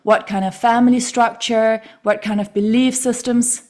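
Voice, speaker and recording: A woman hosting a podcast, introducing her guest in a gushing, deliberate way. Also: a little high, fairly even intonation, a little mellow. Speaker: podcast host. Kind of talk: interview introduction.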